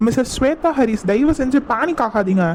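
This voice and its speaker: A woman's voice: sits high, expressive, moderate pace, noisy background. Woman playing a composed cartoon doctor. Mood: calm. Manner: formal, composed. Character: calm hospital doctor. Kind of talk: hobby cartoon voice acting.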